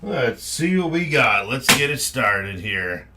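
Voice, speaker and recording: A man's voice: mid-range voice, big pitch swings, takes it slowly. A man hosting a live card break in casual, upbeat, informal chat. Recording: clearly noisy, packs crinkling. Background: crinkling and clicking of card packs.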